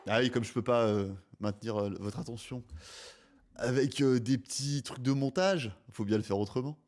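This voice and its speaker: A man's voice: mid-range voice, normal speed, a little mellow. Male reaction host, teasing, exaggerated, chatty. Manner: mocking, playful, exaggerated. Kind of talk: casual reaction commentary.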